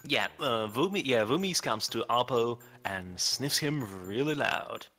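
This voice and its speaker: A man's voice: mid-range voice, animated, measured pace, fairly bright tone, soft background music. A man playing a tabletop game, casually narrating his character's actions and chatting with the group. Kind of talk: casual role-play narration with table talk.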